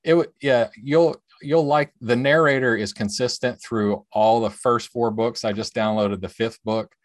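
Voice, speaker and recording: A man co-hosting a podcast in casual chat, easygoing and quick to laugh. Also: mid-range voice, steady tone, no room sound, studio quality. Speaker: podcast co-host.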